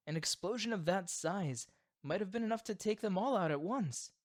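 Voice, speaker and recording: A man voicing a proud, theatrical supervillain boyfriend who is secretly doting, in an expressive ASMR roleplay. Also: sits high, moderate pace. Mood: pondering.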